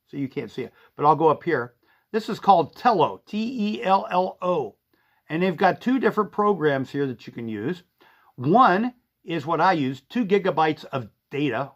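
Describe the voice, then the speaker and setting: A man's voice: a little high, fairly bright tone. A middle-aged man who runs a shop, chatting casually and folksily on a live stream, with lots of fillers and restarts. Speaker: sewing and vacuum shop owner. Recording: dull lo-fi stream audio.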